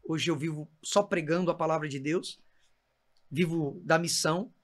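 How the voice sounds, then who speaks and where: A man's voice: on the high side, fairly even intonation, normal speed. A man with a Brazilian Portuguese accent, a missionary preacher telling his faith testimony with fervor and calling the listener brother.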